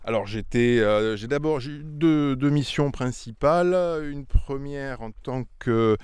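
A middle-aged Auvergne winemaker speaks a little slowly about his vineyards, standing outdoors among the vines for a relaxed interview. His medium-pitched voice is darkish, clear, and resonant, and he's reflective, frequently repeating words. The recording has no echo and sounds studio quality.

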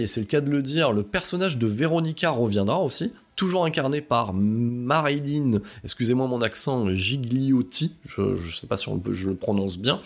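A man hosting a casual film review podcast, rambling with many hesitations and wry asides. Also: lowish voice. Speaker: podcast host.

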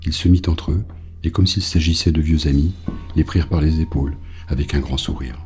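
A man reading a novel aloud as an audiobook narrator, in a grave, measured way. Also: very deep voice, steady tone, a little mellow, soft background music.

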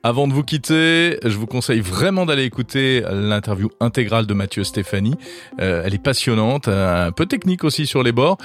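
A man hosting a podcast in a casual way, his voice hoarse from a cold. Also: medium pitch, expressive, fairly quick. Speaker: podcast host. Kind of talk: casual podcast outro narration.

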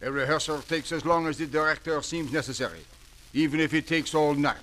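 A man's voice: a little high, steady tone, brisk, background noise, natural voice. A man doing a pompous French stage director. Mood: suave. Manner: florid, grandiose, melodramatic. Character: pompous, theatrical male French drama director. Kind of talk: vintage radio comedy acting.

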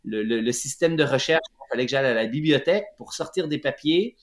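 A middle-aged man with a Quebec French accent tells his story as an interview guest. His voice sits at a mid pitch, and he hesitates often, restarting phrases and filling pauses. The room around him sounds roomy and echoey. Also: lively intonation. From Quebec, Lac-Saint-Jean. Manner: hesitant, many fillers and restarts. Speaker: guest, running clinic founder.

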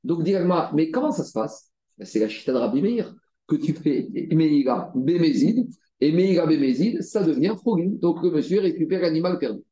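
A Talmud teacher leads a study lesson in a slightly high, mellow voice, moving through the text step by step with repeated phrases and rhetorical questions. He sounds animated and keeps a moderate pace, and the recording has a noticeable roomy echo.

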